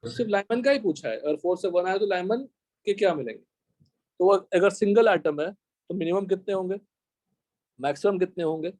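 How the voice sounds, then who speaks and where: Speaking slowly in English as he dictates, a high-pitched young Indian man teaches a chemistry class live, his mellow voice carrying a lively intonation. There's no echo from the room, and the sound stays dry. He moves step by step, regularly halting to confirm the class is keeping up.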